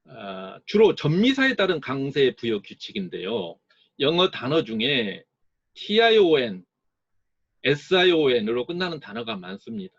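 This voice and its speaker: A man giving a recorded lecture as an English teacher, explaining slowly and sounding out words to model their stress. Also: a little high, big pitch swings, vocal fry, husky, dry recording, muffled recording.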